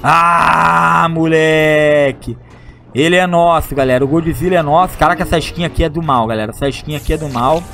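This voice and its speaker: A young man from Brazil with a high-pitched voice. He commentates his game play in a loud, slangy, excitable way, breaking into shouts at big moments. Faint game music plays under his voice. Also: normal speed, creaky. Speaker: gaming YouTuber.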